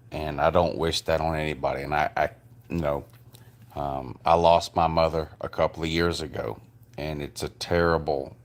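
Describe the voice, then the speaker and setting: A man who sounds drunk, slurring his words in a halting, repetitive, rambling personal rant. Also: very deep voice. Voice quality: slurred speech. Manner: halting, repetitive, drawn-out delivery.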